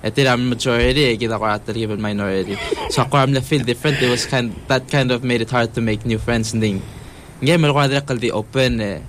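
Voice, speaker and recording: A young man with a Palauan accent speaks as an interviewee, thinking aloud in a halting, conversational way. His voice sits at a medium pitch and he slips between two languages. Faint ambient noise sits behind him. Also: fairly even intonation. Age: young adult. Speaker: interviewee, university student.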